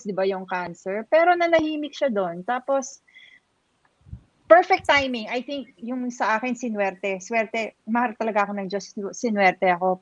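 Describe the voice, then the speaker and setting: A woman's voice: on the high side, dry recording, lo-fi sound. A woman with a Filipino accent, earnestly sharing her experience as a survivor in a chat, mixing Tagalog and English. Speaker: breast cancer survivor guest. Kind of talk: personal testimony in a chat.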